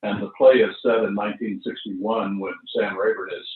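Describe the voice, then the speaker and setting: An actor in his seventies reminisces about a stage show, telling anecdotes casually with chuckles. His lowish voice has little pitch movement and a moderate pace, heard through roomy, distant, tinny phone-like call audio.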